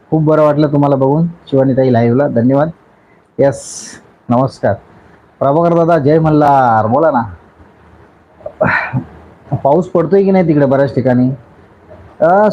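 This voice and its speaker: A man's voice: a little high, dark tone, muffled recording. A man from Raigad hosting a casual live stream. He greets commenters one by one in a chatty, effusive way. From Raigad, Maharashtra, India. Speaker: YouTube live-stream host.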